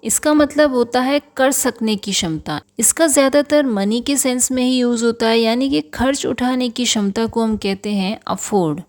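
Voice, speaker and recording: Woman teaching vocabulary, slightly high voice. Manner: reads English example sentences slowly and deliberately; corrects pronunciation, repeating each word. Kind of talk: vocabulary lesson.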